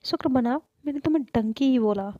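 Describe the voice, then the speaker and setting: A woman's voice: sits high, a little fast, muffled recording, background noise, close to an everyday voice. A woman doing a scolding old grandmother. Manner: scolding, questioning. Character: stern but loving old grandmother.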